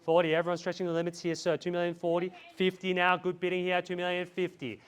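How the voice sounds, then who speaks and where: A man's voice: high voice, monotone, quick pace, clear, resonant tone. A man calling a live property auction outdoors, repeating bid figures in a chant and urging buyers on. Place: outdoors in a residential street.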